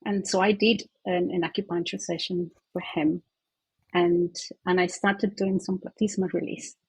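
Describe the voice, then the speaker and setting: A woman with a very husky, breathy voice and a gravelly edge, talking earnestly through a story from her practice. She speaks as an interview guest, with dry, close sound around her. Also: on the low side, normal speed, dry recording, low-quality recording. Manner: earnest, animated anecdote-telling. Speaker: guest, myofunctional therapist.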